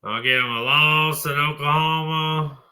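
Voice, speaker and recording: A man's voice: a little high, fairly even intonation, measured pace, sharp tone. A man hosting a college football talk show, blunt and folksy, tossing in mild swearing. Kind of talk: opinionated sports talk.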